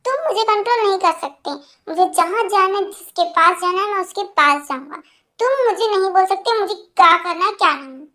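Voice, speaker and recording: A woman voicing a gentle young man in an amateur fan dub, pleading and then standing up for himself. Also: very high-pitched, fairly quick. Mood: defiant. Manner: pleading, defiant.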